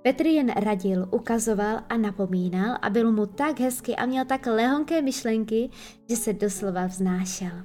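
A woman reading a children's story aloud with lively, gentle storytelling. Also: a little high, soft background music. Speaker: narrator.

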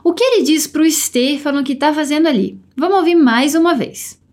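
A woman with a Brazilian Portuguese accent teaching a podcast language lesson, upbeat and encouraging, slowing down to model pronunciation. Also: sits high, lively intonation, background noise.

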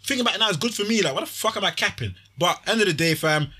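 Casting: young man, London roadman accent, slangy casual storyteller, bright forceful voice with a husky edge. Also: high-pitched, racing. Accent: London roadman (Multicultural London English). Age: young adult. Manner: animated retelling, heavy street slang, repeated "like".

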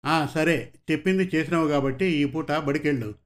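A man's voice: a little high, normal speed, lightly acted. A man voicing a poor, unschooled farmhand father who pleads humbly with his landlord. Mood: gruff.

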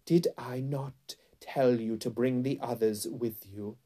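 A man voicing a cruel, imperious witch queen in a storybook, with drawn-out, threatening delivery. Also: mid-range voice, lively intonation, mellow. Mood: furious. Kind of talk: storybook character voice.

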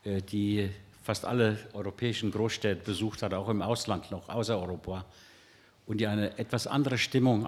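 Low-voiced older man, hall reverb. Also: slight background noise. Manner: halting, many fillers. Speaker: audience member. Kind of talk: audience question.

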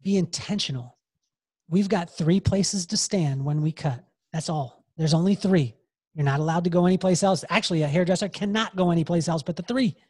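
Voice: mid-range voice, fairly quick, a little mellow, slightly rough, dry recording, studio quality. A hairdresser and salon coach speaking as a podcast guest, emphatic and given to repeating key phrases. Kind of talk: podcast interview, motivational advice.

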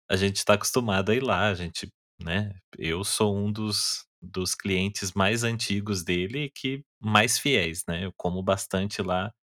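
Brazilian male co-host, low voice, animated laughing storyteller. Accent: Brazilian Portuguese. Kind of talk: casual chat.

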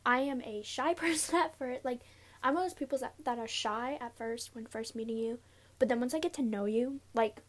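Young woman, higher-pitched, nervous and giggly, halting casual solo podcast delivery from inside a closet. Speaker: podcast host. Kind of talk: casual confessional solo talk. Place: inside a closet, sitting on a pillow.

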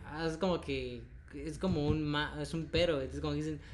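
A man's voice: on the high side, steady tone, moderate pace, background noise. A young adult man with a Mexican Spanish accent, co-hosting a casual podcast chat, slangy and laughing, swearing freely. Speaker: podcast co-host. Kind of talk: casual chat among friends.

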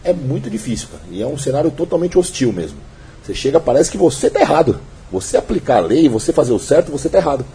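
Animated São man telling stories. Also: mid-range voice, fast, slightly rough. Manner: animated storyteller, acts out dialogue. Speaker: police officer guest. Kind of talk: casual podcast chat.

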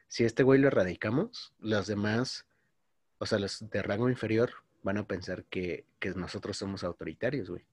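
A man in his twenties with a Mexican Spanish accent tells a long story in casual slang. His voice sits fairly low. The sound is dry and close, with no room around it. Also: a little mellow, breathy edge, no echo. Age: 20s. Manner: slangy, says "güey" constantly, storytelling. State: coughing. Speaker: podcast co-host. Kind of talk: casual chat.

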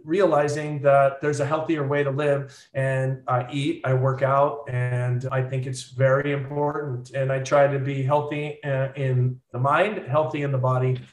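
A man's voice: mid-range voice, flat delivery, a little slow, hardly any pauses, reverberant. A man in his fifties, a guest on a podcast, talking in an earnest, upbeat, reflective way in casual conversation. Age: 50s. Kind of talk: casual interview chat.

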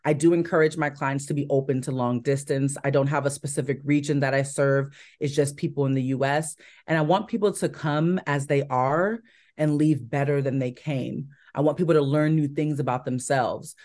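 A woman's voice: sits low, fairly even intonation, normal speed, a little mellow. Casting: American woman, confident advice-giver, conversational interview guest, emphatic delivery. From Seattle, Washington, United States. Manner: confident, emphatic advice-giving with rhetorical check-ins. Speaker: matchmaker and dating coach, interview guest.

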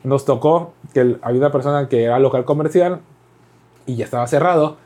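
A man with a Mexican accent, talking in an easygoing podcast chat. His voice sits at a middle pitch with a dark, mellow tone. He spins animated anecdotes, slipping into other people's lines and cursing without a second thought. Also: brisk. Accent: Mexican Spanish. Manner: animated storytelling, acts out dialogue, swears freely. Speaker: podcast talker recounting delivery work.

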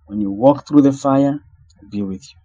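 A man's voice: medium pitch, big pitch swings, normal speed, gravelly, mellow, lo-fi sound. A man from South Africa preaching a sermon, earnest and repeating phrases for emphasis.

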